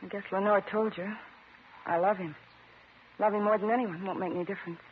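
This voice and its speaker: An old-time radio drama heroine played by a woman, a married woman anxiously defending her lover. Her medium-pitched voice is earnest, wounded and dramatic. The vintage recording is dull, with faint noise. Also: fairly even intonation, brisk, close to an everyday voice. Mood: devoted, resigned.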